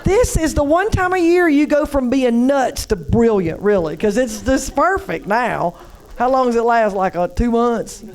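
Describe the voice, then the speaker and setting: A woman's voice: fairly high pitch, lively intonation, measured pace, a little mellow. A woman from North Carolina with a Southern accent, doing a live stand-up set in a comedy club and teasing the crowd in a chatty drawl. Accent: Southern American.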